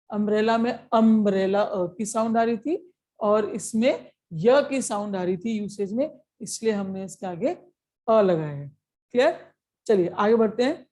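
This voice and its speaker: A woman's voice: on the high side, dark tone. A woman teaching an exam-prep grammar lesson, explaining step by step and often checking with short questions. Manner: explains step by step, mixing Hindi and English.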